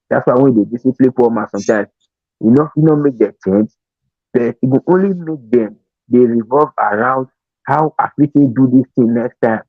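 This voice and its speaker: A husky-voiced man with a Nigerian accent reasons through examples in conversational Pidgin. His voice is mid-pitched, and the recording is thin and phone-like. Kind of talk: casual discussion in Nigerian Pidgin. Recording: roomy, tinny phone-like sound.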